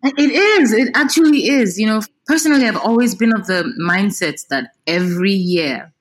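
A Nigerian singer in her thirties talks expressively and animatedly in a casual interview, repeating words as she thinks. Her voice is mid-range, at a normal speed.

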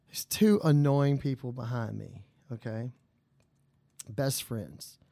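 A man's voice: medium pitch, extremely slow, gravelly, dark tone, no echo, studio quality. A man co-hosting a podcast in casual banter, rambling through stories and acting out the voices of the people in them. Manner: rambling storyteller, acts out quoted voices. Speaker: podcast co-host.

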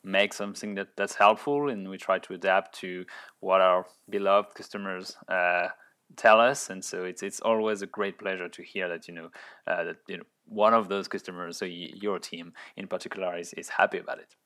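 A man's voice: deep voice, little pitch movement, moderate pace, sharp tone. A man in his thirties with a French accent, a company founder speaking as a guest in a casual interview, with frequent restarts and fillers. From France. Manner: hesitant, many restarts and fillers.

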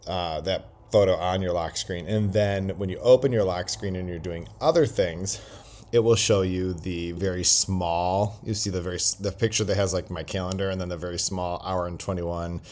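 A man's voice: low voice, steady tone, normal speed, a little mellow, slight background noise. A man hosting a podcast in casual chat, rambling and joking, recorded on a laptop's built-in microphone. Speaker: podcast host. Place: quiet indoor place while traveling.

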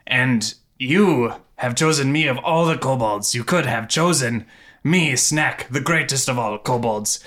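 Man as a pompous, bright-voiced kobold. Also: mid-range voice, measured pace, close to an everyday voice. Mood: self-important. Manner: pompous, theatrical, stilted formal phrasing. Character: boastful, grandiose kobold contestant with a genie lamp. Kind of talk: improvised tabletop role-play.

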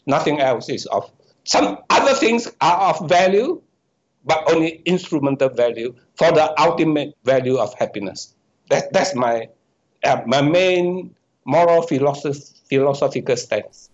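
Halting professor with a muffled sound. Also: male voice, on the high side, expressive. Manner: halting, self-correcting, explaining step by step. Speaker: economics professor, guest. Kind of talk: answering questions in a podcast interview. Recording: dull, muffled lo-fi audio.

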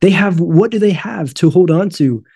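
A man's voice: high-pitched, moderate pace, creaky, dark tone, slightly rough. A man hosting a faith interview, affirming his guest with encouraging replies. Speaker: podcast host.

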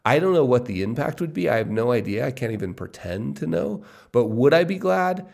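A man in his fifties hosting his own podcast, musing aloud in an excited, casual solo monologue and often repeating himself. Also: medium pitch, fairly quick, creaky. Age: 50s. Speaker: podcast host.

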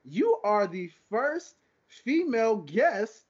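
Chummy, high-voiced male podcast host. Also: sing-song, takes it slowly, slightly rough, muffled recording. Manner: chummy, slangy, repeats words for emphasis. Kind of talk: casual interview chat.

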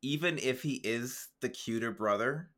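Chatting casually while recapping a show, this podcast co-host tosses in relaxed, dry asides and laughs a lot. His voice is mid-range and fairly bright, at a normal speed.

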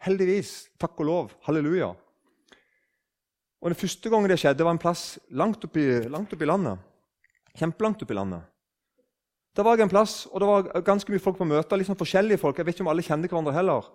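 An older man in his sixties from southern Norway tells a story in a loose, conversational way. His voice sits a little high for a man, and he talks with plenty of life, often breaking off and starting his sentences again. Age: 60s. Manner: animated, restarts sentences, acts out quoted speech. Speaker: speaker on faith.

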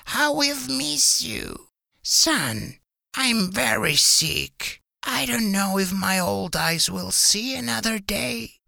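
A woman voicing a frail, secretive elderly mother rat with a raspy, hushed voice. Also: mid-range voice, no echo, exaggerated voice. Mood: tender. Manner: hushed, urgent whispering.

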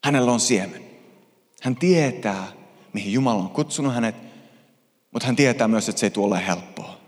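A man preaching a sermon as pastor, impassioned, swinging between hushed and loud passages. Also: medium pitch, lively intonation. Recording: reverberant hall.

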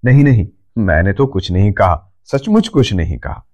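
Young woman, touchy and eager, higher pitch; a man reads her. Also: sing-song, unhurried, darkish tone. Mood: bashful. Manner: eager, slightly petulant. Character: sulky, proud young woman.

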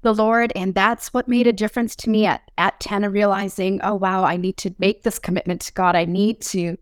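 Her voice is medium-pitched, smooth and flat, and she speaks briskly as she recounts her personal story. The speaker is a middle-aged woman from Newfoundland, Canada, a podcast host appearing as an interview guest, recorded in studio quality without room sound.

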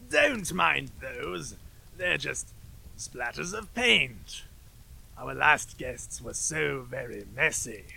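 An actor playing a ghoulish, creepily polite horror host who welcomes listeners with theatrical, menacing courtesy. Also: male voice, medium pitch, vocal fry, sharp tone, husky, full character voice, poor audio. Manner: mock-courteous, theatrical, deliberate. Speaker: host of a horror story show. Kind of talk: theatrical horror story introduction.

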